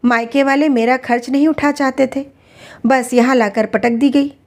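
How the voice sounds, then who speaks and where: A woman's voice: sits high, fairly even intonation, normal speed. A woman voicing a desperate young wife locked in an asylum who pleads urgently to be let out. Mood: pleading.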